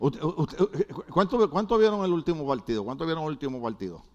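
A man preaching a sermon, joking with the congregation and breaking into shouts. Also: fairly high pitch, sing-song, a little fast, muffled recording.

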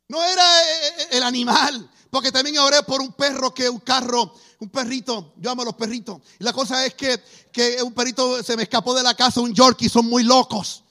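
A middle-aged man preaching, telling testimonies as a lively storyteller who acts out the voices he quotes. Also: extremely high pitch. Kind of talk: testimony sermon.

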